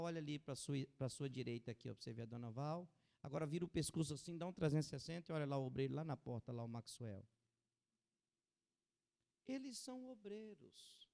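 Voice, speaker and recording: A male pastor delivers a dramatic sermon, his fairly high voice leaping and falling as he moves between hushed warnings and loud appeals. A gravelly fry roughens his tone. The long reverb of a church hall trails behind every phrase. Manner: dramatic preaching, swings from soft warnings to loud exclamations.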